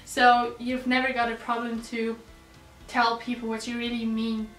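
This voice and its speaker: This vlogger's voice is highish, fairly bright and monotone, at a normal speed. She's a teenage exchange student from South Tyrol, Italy, a native German speaker with a South Tyrolean accent, chatting casually to viewers over background music with a roomy echo and distant mic.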